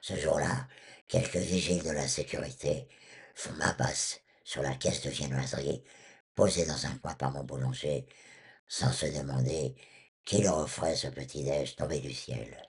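A man with a honking, duck-like, husky voice from vocal cord surgery, telling anecdotes as an interview guest. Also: a bass voice, fairly even intonation, measured pace. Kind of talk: storytelling in an interview.

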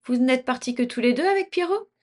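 A woman's voice: high voice, expressive, a little fast. A woman presenting an audio magazine and putting questions to her guest as host. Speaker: host and interviewer.

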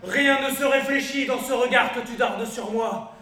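An actor on stage playing a guilt-haunted king who sees a ghost, swinging from hushed dread to shouting. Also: very high voice, normal speed, echoey room, distant mic. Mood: raving. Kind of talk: stage acting.

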